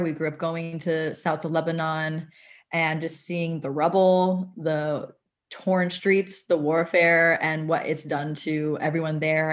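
Young woman, interview guest, earnest and conversational, low voice. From United States.

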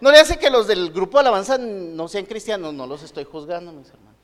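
Preacher, male, high voice, conversational sermon full of rhetorical questions, long reverb. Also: a little fast, fairly bright tone. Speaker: pastor.

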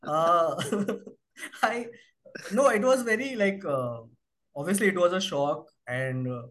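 A man's voice: sits high, animated, slow pace, fairly bright tone. A man with an Indian accent chatting candidly and casually as a podcast guest, switching between two languages in informal, slangy speech with some swearing. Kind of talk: candid casual conversation mixing Hindi and English.

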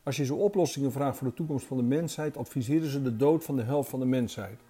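A thoughtful man turns over a grave problem aloud, reflective and uneasy, as a male storyteller voices him. His tone stays warm and mellow, close to the narrator's own. Soft music plays faintly behind. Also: medium pitch, fast talker, breathy edge, close to an everyday voice. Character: thoughtful man, worried inventor type.

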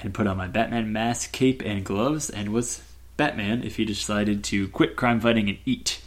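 A man's voice: fairly low pitch, fairly even intonation, normal speed. A young man in his twenties, co-hosting a podcast and telling rambling stories with lots of fillers. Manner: rambling storyteller, fillers, laughs a lot. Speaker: podcast co-host. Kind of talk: casual chat.

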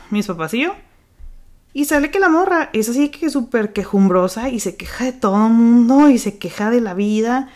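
A woman with a Mexican accent hosting a casual rant podcast, talking fast and excitably and swearing freely. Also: medium pitch. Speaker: podcast host.

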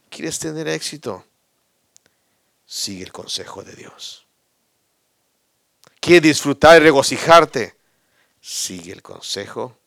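Slow, deliberate male preacher. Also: medium pitch, creaky, dry recording, studio quality. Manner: call-and-response, prompting listeners with "what?"; swings from loud exclamations to near whispers. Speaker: pastor. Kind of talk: sermon.

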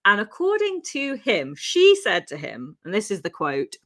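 A woman's voice: medium pitch, wildly swooping pitch, normal speed, a bit bright. A Welsh-born woman co-hosting a podcast, telling a true-crime story in a chatty way, with fillers and frequent laughs. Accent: English with faint Welsh traces. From Wales. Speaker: podcast co-host.

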